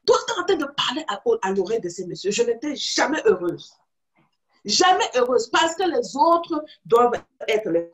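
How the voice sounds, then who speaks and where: Animated high-voiced African woman preacher. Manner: animated storytelling, acts out dialogue with others in the story. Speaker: preacher and teacher. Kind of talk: testimony in a teaching video.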